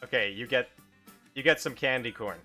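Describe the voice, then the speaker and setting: A woman's voice: extremely low pitch, normal speed, pushed and bright, soft background music. A woman improvising narration as game master of a tabletop role-playing game.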